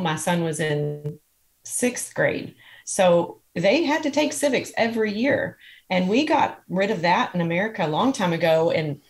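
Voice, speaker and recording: A woman's voice: on the low side, vocal fry. A woman, a political candidate speaking earnestly and plainly as a TV interview guest. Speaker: state senate candidate, guest.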